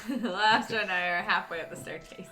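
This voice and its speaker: A woman's voice: mid-range voice, fairly even intonation, normal speed, bright, forceful tone, recorded from a distance. A woman playing a tabletop game, talking casually about her moves, off the mic in an echoey room with music behind. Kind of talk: casual role-play chat.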